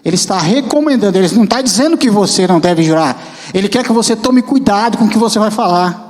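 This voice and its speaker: A man's voice: sits high, lively intonation, quick pace, a little mellow. A man with a Brazilian accent preaching a sermon in church as a deacon, in a conversational way that puts questions to the congregation. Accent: Brazilian Portuguese. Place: church hall. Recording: long church-hall reverb.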